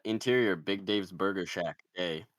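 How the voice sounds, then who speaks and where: A man reads screenplay stage directions aloud as scripted narration for a table read, in a low, forceful, bright voice at normal speed. The recording is dry and close.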